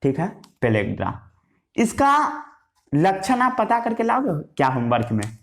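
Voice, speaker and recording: A man teaching a science class, his somewhat high voice rising and falling a lot as he asks questions and answers them himself. He repeats each key term and writes as he talks. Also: huge pitch swings, measured pace. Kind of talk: Hindi science lesson with English terms.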